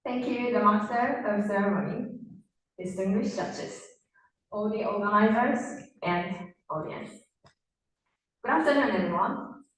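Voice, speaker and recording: A woman's voice: medium pitch, far from the mic. Young woman orator, very echoey hall. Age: young adult. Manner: emphatic, dramatic oratory with pauses. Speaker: student speech contestant. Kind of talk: rehearsed formal speech. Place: large indoor hall on stage.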